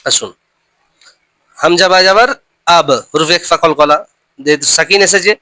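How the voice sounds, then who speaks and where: A man teaching a recitation lesson. He spells out letters and syllables slowly, repeats them, and keeps reminding listeners to remember the rules. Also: on the high side, pushed and bright, dry recording, rough recording.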